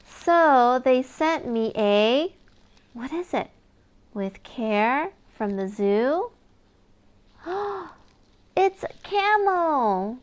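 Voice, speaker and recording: A woman reads a picture book aloud to young children, telling the story expressively with exaggerated wonder for her small audience. Her voice is high, she stretches out her words, and she pauses often.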